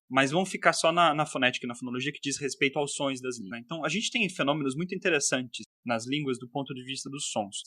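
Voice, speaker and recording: Podcast guest, male, São Paulo interior accent, brisk explanatory delivery, crisp bright voice. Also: mid-range voice, no room sound. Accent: São Paulo interior Portuguese. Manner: explanatory, gives examples, many "né?" tags. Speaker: linguist guest.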